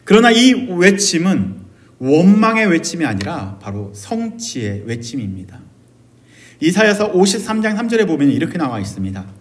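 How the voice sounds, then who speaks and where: A man pastor preaching a sermon, shifting between loud emotional cries and quiet, hushed phrases. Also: a little high, very animated, moderate pace.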